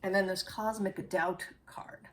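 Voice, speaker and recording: A woman's voice: mid-range voice, fairly even intonation, a little slow. A woman giving a casual, reflective tarot reading, musing aloud and correcting herself as she goes. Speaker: tarot reader.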